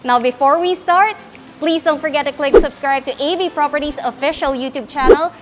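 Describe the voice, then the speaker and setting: A young woman with a high, bright voice leads a walking house tour, upbeat and salesy, calling her viewers "guys". She speaks through a lapel mic as she moves through bare rooms, and the sound rings with roomy echo. Soft music plays underneath. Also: brisk. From Philippines. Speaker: real estate tour host. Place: large empty townhouse interior, indoors.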